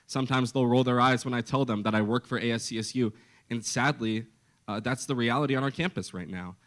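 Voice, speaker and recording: A young man, a student candidate, giving a forceful, impassioned debate speech built on rhetorical repetition. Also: medium pitch, a little fast. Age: young adult.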